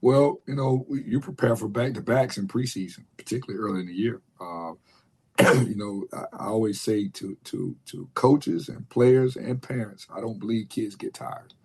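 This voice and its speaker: Husky-voiced basketball coach, hoarse. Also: male voice, lowish voice, a little mellow. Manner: measured, repeats words while thinking. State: losing his voice. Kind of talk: radio interview.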